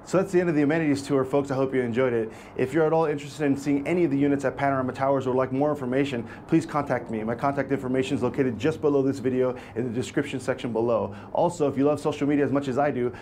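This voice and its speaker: A man in his forties, a real estate agent hosting a property tour, talking to camera in an upbeat, friendly sales manner from a high-rise apartment. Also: steady tone, rapid-fire, few pauses, a little mellow, slight background noise. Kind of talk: casual to-camera vlog.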